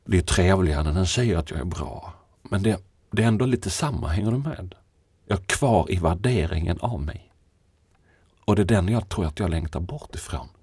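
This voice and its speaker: A man's voice: deep voice, lively intonation, a little mellow, husky, dry recording, clean studio sound. A poet being interviewed, a man talking in a thoughtful, musing way and laughing often. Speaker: poet, podcast guest. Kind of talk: reflective conversation.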